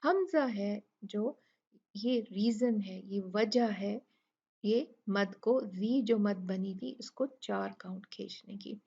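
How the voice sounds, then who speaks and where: A woman teaching a recitation lesson, asking questions and answering them herself, and slowly sounding out example words. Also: medium pitch, vocal fry, mellow, breathy edge. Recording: dull lo-fi recording.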